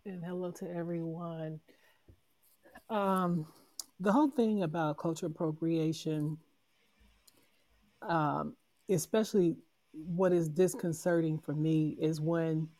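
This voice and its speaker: Low-voiced woman arguing earnestly. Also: dark tone, dry recording. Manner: earnest, building into impassioned argument. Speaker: panel guest. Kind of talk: casual discussion in an online audio room.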